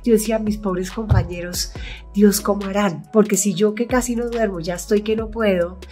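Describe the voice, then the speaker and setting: A chatty middle-aged woman with a Bogotá Colombian accent tells behind-the-scenes stories in a rambling, lively way. She sits at a medium pitch and slips into acting out her own past voice. Faint music plays quietly behind her. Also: moderate pace. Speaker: actress and YouTube host. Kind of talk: casual storytelling vlog.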